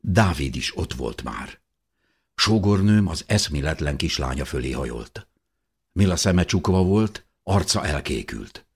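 A man's voice: extremely low pitch, animated, slightly rough. A man narrating a novel in the first person, telling the story expressively as an audiobook reader.

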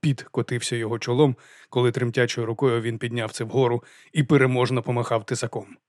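A man narrates a novel as an audiobook, his delivery even and measured. His voice sits in a middle pitch. The recording is dry and close, with no room sound. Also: no echo. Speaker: audiobook reader. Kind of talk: scripted narration.

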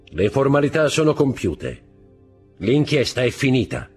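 A man reading aloud voices a calm, wry male gendarme who answers in slow, dry replies. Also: medium pitch, husky, faint music behind, pitched above the performer's own voice.

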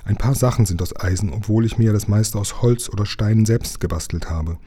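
A man's voice: lowish voice, fairly quick, dark tone, breathy edge. A man doing a timid, fretful giant. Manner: worried, fretful. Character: anxious gentle male giant, timid. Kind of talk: reading a children's book aloud.

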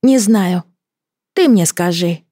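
A woman reading an audiobook, voicing a small, bony male water creature with a bubbling voice and odd, halting speech. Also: lowish voice, mellow, no echo, clean studio sound, pitched above the performer's own voice. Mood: curious. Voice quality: gurgling. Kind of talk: audiobook character voice.

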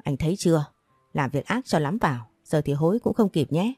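A woman's voice: low-pitched, expressive, brisk, dark tone, breathy edge, dry recording, clean studio sound, faint music behind. A woman voicing a frantic young mother who pleads and accuses, in an audio story. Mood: accusing.

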